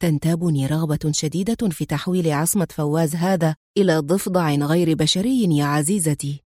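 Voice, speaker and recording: A sardonic, cool-headed male secret agent speaks low and hushed, his dry mockery sitting well under the reader's usual pitch, as a woman reading the story puts him on. The voice is close and dry, with no room sound. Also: fairly quick, no room sound. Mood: mocking whisper. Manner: low, mocking, hushed delivery.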